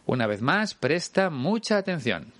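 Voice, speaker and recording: A man's voice: a little high, sing-song, unhurried, fairly bright tone. A man from Spain with a Spain Spanish accent, teaching a language lesson and patiently explaining things straight to the listener. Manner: patient, clear and explanatory, addressing the listener directly.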